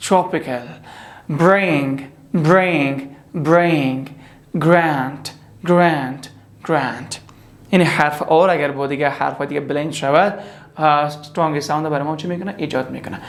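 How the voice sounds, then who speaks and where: A pronunciation teacher, repeating each English word slowly two or three times in a drill lesson. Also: mid-range voice.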